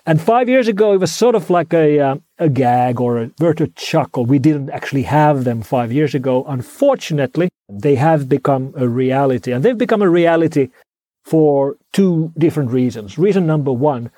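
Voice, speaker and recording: A guest author from Finland, a native Finnish speaker with a Finnish accent, talks in a conversational interview with dry humor and frequent repeated words. His fairly high voice is expressive and mellow, at a moderate pace, with no echo.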